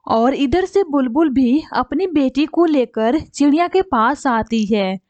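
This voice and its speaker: A woman's voice: high voice, animated, slow, a little mellow, no echo, dull audio. A woman narrating a cartoon story in a plain storytelling manner.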